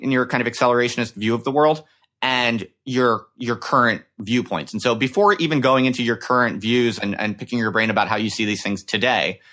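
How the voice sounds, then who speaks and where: A man with a medium-pitched, sharp-toned voice hosts a conversational podcast interview. As interviewer, he earnestly works his way through long, wordy, reflective questions.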